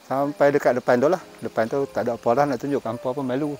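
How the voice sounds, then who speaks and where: This middle-aged vlogger with a northern Malaysian Malay accent chats casually through a face mask while walking forest park trails near a cave. His medium-pitched voice is fairly even, a little mellow, and fast, picked up by a camera held at arm's length.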